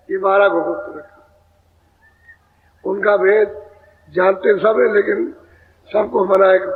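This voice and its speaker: A man with a fairly high voice preaches a devotional sermon at a slow, deliberate pace, circling back over each phrase. His voice rings through a long hall reverb. The sound is thin and tinny, with a faint hiss behind it. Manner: slow, repetitive expository preaching, prompting chanters. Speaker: spiritual teacher giving satsang. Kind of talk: devotional sermon explaining verses.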